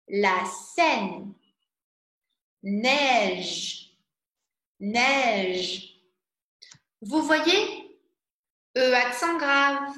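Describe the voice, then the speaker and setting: Woman, pronunciation teacher, high pitch, careful exaggerated articulation, roomy echo. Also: sharp tone. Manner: repeats each word slowly, exaggerated mouth shapes.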